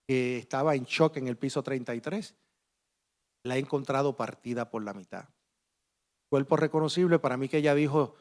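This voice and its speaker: A man's voice: mid-range voice, a little mellow. A middle-aged man with a Puerto Rican accent, a panelist giving a dramatic personal testimony and acting out voices and crash sounds as he tells it. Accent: Puerto Rican Spanish. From Puerto Rico. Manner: vivid storyteller, acts out voices and crash sounds.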